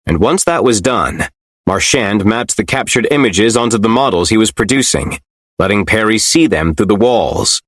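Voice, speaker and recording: A man reads fiction aloud in a low voice, telling the story expressively with a lively, animated melody. The recording is dry and close, with no room echo. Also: normal speed. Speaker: audiobook narrator. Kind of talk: scripted fiction narration.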